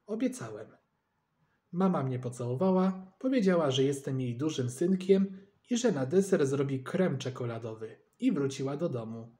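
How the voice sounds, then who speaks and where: Speaking at a medium pitch and normal speed, a man reads a children's storybook aloud. He narrates lively and expressively in a child's first-person voice.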